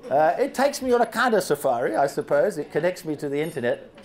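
A guest speaker from Zambia, an older man with a fairly high voice, talks fast as he gives an animated slide presentation in a large banquet hall. Using a handheld microphone, he puts questions to the seated audience.

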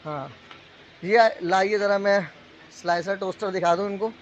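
Male shop seller, Pakistani accent, high voice, off-the-cuff live pitch with repeated prices, dull phone audio. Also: moderate pace, slight background noise. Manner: repeats prices and tag phrases like a street seller. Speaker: shop salesman hosting a live sale video. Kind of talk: live product sales pitch, casual and unscripted. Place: indoor appliance store, walking the aisles. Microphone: handheld phone.

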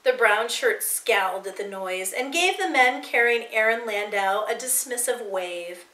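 A woman teacher reading a novel aloud to her students with expressive, dramatic storytelling. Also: fairly high pitch, measured pace. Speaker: English teacher. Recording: echoey room.

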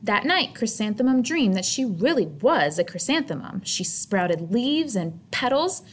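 A woman narrating a children's storybook expressively and deliberately, stretching words for emphasis like a teacher reading aloud. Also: on the high side, very animated.

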